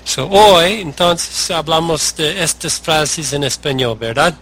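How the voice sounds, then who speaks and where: A man's voice: a little high, slow pace, a bit bright, slight background noise. A man from the United States with an American English accent, speaking Spanish hesitantly and asking questions on a podcast. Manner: hesitant, questioning, short acknowledgements. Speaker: podcast co-host, learner. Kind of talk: casual podcast chat.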